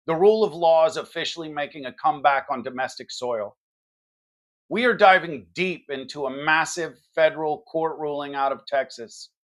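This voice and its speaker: A man's voice: on the high side, a bit bright. A man hosting a political podcast, delivering commentary in an emphatic, combative manner. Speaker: podcast host.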